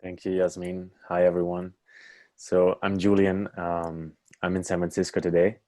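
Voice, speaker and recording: A man from Germany introducing himself in a relaxed, casual way. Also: low voice, moderate pace, dry recording. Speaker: participant. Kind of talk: personal introduction.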